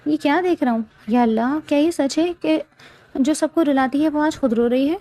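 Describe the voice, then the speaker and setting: A woman's voice: high voice, warm tone, pitched above the performer's own voice, lightly acted. A woman voicing a playful young man who teases his cousin in a romance novel reading. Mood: teasing. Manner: playful, teasing.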